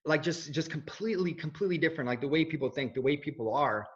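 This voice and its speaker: The interviewee, a video journalist in his thirties who was raised in Switzerland, speaks with no accent in a voice that's a little high, expressive and fast. It's a casual conversational interview; he rambles earnestly with plenty of restarts and fillers, recorded in dull lo-fi sound.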